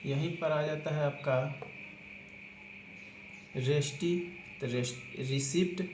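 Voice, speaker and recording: A man's voice: a little high, slow. A man teaching a shorthand lesson, explaining step by step, repeating himself often and spelling words out letter by letter. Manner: repetitive, step-by-step explaining, keeps saying "aapka". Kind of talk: spoken lesson walking through examples. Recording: echoey room with clear background noise.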